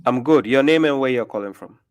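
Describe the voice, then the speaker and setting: A man's voice: medium pitch, fairly quick, clear, resonant tone. A man hosting a live call-in religious debate stream, pressing the caller with repeated questions and cutting in often. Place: Europe.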